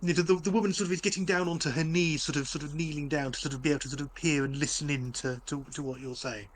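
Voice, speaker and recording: Halting man running a tabletop game. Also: fairly high pitch, steady tone. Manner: halting, many restarts and "sort of". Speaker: game master.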